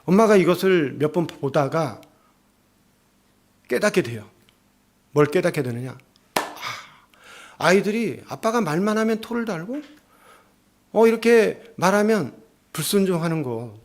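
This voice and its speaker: A man's voice: sits high, animated, unhurried, pauses often. A middle-aged male pastor preaching a sermon, telling a family story and acting out the quotes. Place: church sanctuary.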